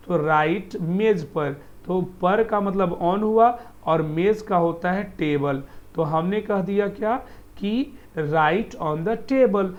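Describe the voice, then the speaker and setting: A male teacher, patiently explaining translation and quizzing the viewer as he goes. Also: sits high. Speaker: English teacher. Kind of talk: explaining Hindi-to-English translation. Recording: dull lo-fi recording.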